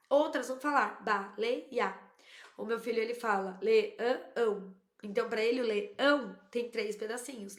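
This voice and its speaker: A woman teacher explaining classroom methods in a lively, explanatory way, sometimes acting out short exchanges with a child. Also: on the high side, roomy sound. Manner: explanatory, animated, acts out child dialogues. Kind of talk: educational tips to camera.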